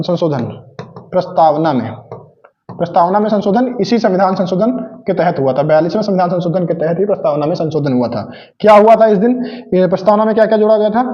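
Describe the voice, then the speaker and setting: A man with a high-sitting voice teaches an exam-prep lesson informally, asking and answering his own questions, repeating key facts and tossing in joking asides. The room is echoey and the highs are cut off.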